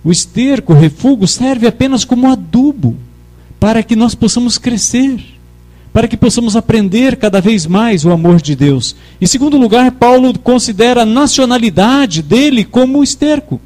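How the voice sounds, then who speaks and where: A man's voice: very high voice, expressive, moderate pace, darkish tone. A male preacher giving a sermon with emphasis, calling on the congregation to repeat his words back to him. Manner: emphatic, leads the congregation in call-and-response.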